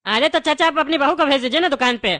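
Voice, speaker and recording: A woman's voice: high voice, fairly bright tone, dry recording. A woman voicing a chatty, wary male candy shopkeeper in a cartoon. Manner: chatty, wary, quick to take offence. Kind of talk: cartoon voice acting.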